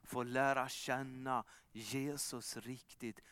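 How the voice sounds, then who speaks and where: A man preaching a sermon with fervour, swinging from loud calls to soft, hushed asides. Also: medium pitch, little pitch movement, clean tone, no room sound.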